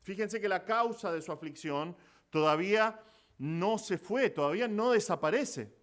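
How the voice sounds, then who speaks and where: A male pastor with a Rioplatense Argentine accent delivers a sermon, walking his congregation through scripture. His voice sits a little high for a man. He shifts between calm explanation and emphatic, urgent exclamations. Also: moderate pace. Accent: Rioplatense Spanish. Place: church.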